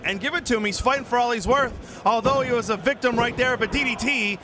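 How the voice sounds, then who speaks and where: High-pitched wrestling announcer, a man. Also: fast. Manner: excitable, exclamatory calls of the action. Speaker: wrestling play-by-play commentator. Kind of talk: live wrestling commentary. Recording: noisy arena with loud crowd behind. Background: crowd noise of a live wrestling show.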